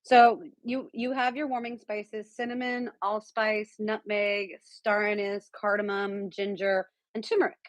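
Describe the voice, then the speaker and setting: A woman's voice: medium pitch, level tone, unhurried, few pauses, no echo, rough recording. Chatty woman guest cook, dry sound. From San Diego, California. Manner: chatty, lots of fillers. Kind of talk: casual cooking chat.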